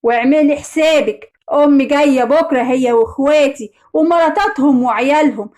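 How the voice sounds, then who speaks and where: A woman with an Egyptian accent voicing a harsh, domineering husband who talks down to his wife in slow, heavy, contemptuous phrases. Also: high-pitched, darkish tone, natural voice. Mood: scornful. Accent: Egyptian Arabic. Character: harsh domineering husband, adult man, scornful.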